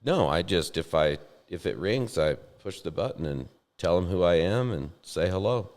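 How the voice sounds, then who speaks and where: Brief: low-voiced man, dry deadpan storyteller, podcast host, reverberant room. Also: moderate pace. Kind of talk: casual chat.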